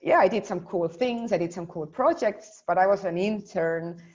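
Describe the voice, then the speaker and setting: A woman's voice: medium pitch, normal speed, darkish tone, dull audio. A young woman from Estonia talking casually in an interview, full of fillers and restarts. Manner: chatty, many fillers and restarts.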